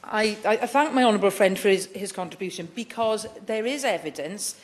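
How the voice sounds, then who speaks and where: A woman's voice: mid-range voice, brisk. A middle-aged woman, speaking as a member of parliament in a chamber debate, reading prepared remarks firmly and earnestly. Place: large wood-panelled debating chamber.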